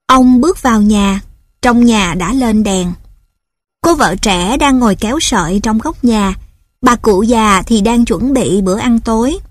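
A woman reads a story aloud in a measured, steady storytelling manner. Her voice sits fairly high, and the recording is dry and close, with no room echo. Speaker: narrator. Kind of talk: scripted story narration.

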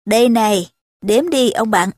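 A woman reading the part of a wealthy young gentleman who teases with dry irony in a spoken story. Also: a little high, unhurried, no room sound. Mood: mocking.

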